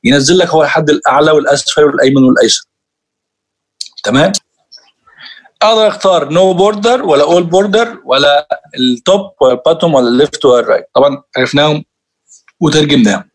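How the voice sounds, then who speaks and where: Egyptian man, teacher, rapid delivery, fairly high voice, patient step-by-step explaining. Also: animated. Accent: Egyptian Arabic. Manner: explains step by step, addresses students directly. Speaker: computer skills teacher. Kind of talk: screen-share tutorial lesson.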